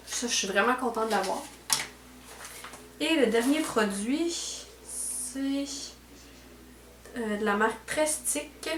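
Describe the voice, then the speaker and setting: A young woman with a Quebec French accent talks her way through a beauty unboxing in a relaxed, rambling way, and her voice sits a bit high. She fills her sentences with little hesitations and trailing tags. The sound bounces around an echoey room at home. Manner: chatty, full of fillers and trailing "là". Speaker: beauty vlogger. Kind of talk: casual unboxing chat. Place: at home indoors.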